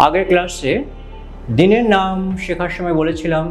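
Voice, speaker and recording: A man's voice: sits high, flat delivery, normal speed, soft background music. A man with a Bengali accent teaching English pronunciation, repeating each example word several times and answering his own questions. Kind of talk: slow, repetitive pronunciation lesson.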